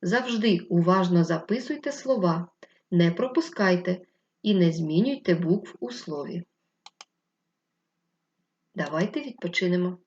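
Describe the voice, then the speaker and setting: A woman's voice: lowish voice, expressive, unhurried, pauses often, darkish tone, lo-fi sound. A woman teaching a remote literacy lesson to young children, patient and instructive, asking the pupils questions and answering them herself. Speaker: primary school teacher.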